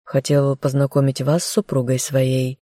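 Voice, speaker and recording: A reserved young count speaks curtly and evenly, never raising his voice, read by a woman narrator. The sound is warm and mellow, dry and close to the mic, as in an audiobook. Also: very deep voice, moderate pace, no room sound. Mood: restrained. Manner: restrained, even delivery. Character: reserved young male count, calm and curt.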